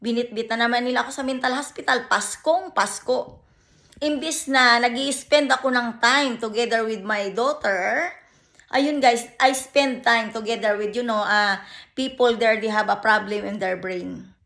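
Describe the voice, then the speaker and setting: A woman's voice: a little high, a little slow, creaky, fairly bright tone. A middle-aged Filipina woman vlogging in a personal, pleading tone, switching between Tagalog and English with a Filipino accent and calling her viewers "guys". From Philippines. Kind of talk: emotional personal vlog talk.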